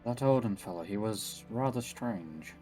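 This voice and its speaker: A man playing a tabletop game, chatting casually in a jokey, excitable manner. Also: lowish voice, measured pace, soft background music, rough recording. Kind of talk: casual joking chat.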